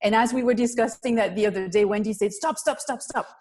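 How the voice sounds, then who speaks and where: Speaking fast in a fairly high, darkish voice, a Belgian physical therapist presents as a guest on a webinar over video call. She is earnest and explanatory, with a Belgian accent and slightly non-native phrasing.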